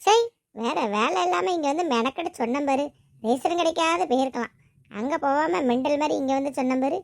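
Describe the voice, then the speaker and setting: A woman's voice: sits high, fairly quick, vocal fry, dry recording, clean studio sound. A woman voicing a nosy village neighbor who gossips, chatters and grumbles to herself in a family drama. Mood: huffy. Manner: chattering, self-pitying grumbling.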